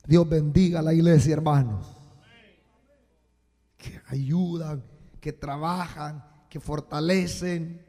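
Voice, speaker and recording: A man preaching a sermon as a pastor, slow and emphatic with sudden loud bursts, recorded live in a church. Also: a little high, steady tone. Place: church sanctuary. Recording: live church hall with long reverb.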